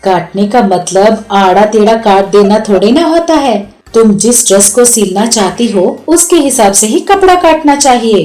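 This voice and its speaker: A woman's voice: on the high side, lively intonation, normal speed, few pauses, mellow, soft background music, natural voice. A woman voicing an exasperated, strict sewing teacher who lectures in a cartoon story.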